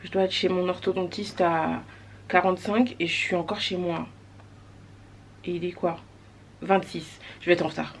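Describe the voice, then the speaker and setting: A young woman talking casually to her vlog audience as she rushes around town, exasperated and hurried, dropping English phrases into her speech. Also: lowish voice, flat delivery. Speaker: vlogger. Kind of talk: casual day-in-my-life vlog chat. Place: outdoors on city streets and at a bus stop. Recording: street noise and passing vehicles behind.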